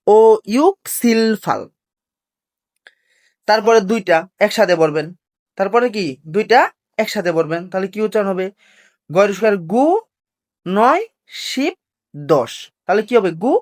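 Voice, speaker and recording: A woman teaching a Korean language lesson, asking the class a question after each point and answering it herself. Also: on the low side.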